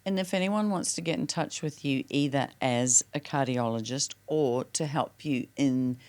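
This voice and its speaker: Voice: medium pitch, darkish tone. A podcast host asking questions and praising the guest effusively. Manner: effusive and supportive, quick to praise. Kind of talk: casual interview talk.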